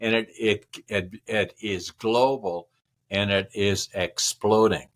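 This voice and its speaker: A man in his 80s, a native Dutch speaker from the north of the Netherlands, answers podcast questions slowly and casually. His lowish, slightly bright voice keeps a fairly even intonation while his long answers ramble, repeat words and run through lists.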